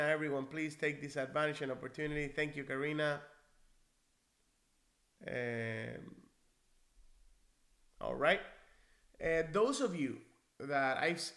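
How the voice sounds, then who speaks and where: On a live stream from a small, echoey office, a forties-aged Cuban man who teaches NCLEX prep reads and answers viewer comments from his leather chair. His voice is bright, upper-middle, and a little high, and he speaks in a friendly, encouraging, conversational way, often restarting.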